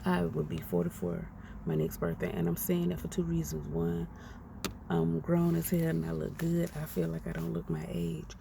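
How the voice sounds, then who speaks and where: A woman's voice: sits low, normal speed, creaky. A woman, ranting her opinions in a blunt, outspoken, profane way. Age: 40s. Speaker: commentator ranting on a podcast. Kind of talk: casual opinion rant. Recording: noisy, distant from the mic.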